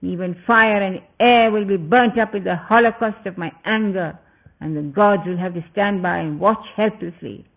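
Guy doing a grieving young prince, high and loud, really passionate, tinny phone audio. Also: steady tone, moderate pace. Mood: wrathful. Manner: impassioned, loud exclamations.

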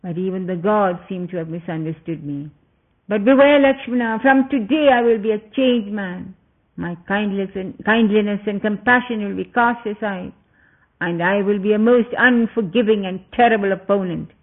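A man voicing an anguished, passionate young prince who cries out his words loudly, heard through a tinny phone-like recording. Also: high voice, steady tone, brisk, hardly any pauses, breathy edge. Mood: wrathful. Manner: impassioned, loud exclamations.

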